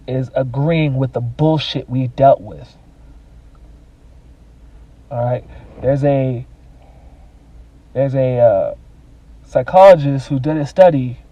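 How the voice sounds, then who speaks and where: Measured, restrained man, distant mic. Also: warm tone, no echo. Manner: restrained, measured and low-key, holding back anger. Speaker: podcast co-host. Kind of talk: casual podcast talk. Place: home at night.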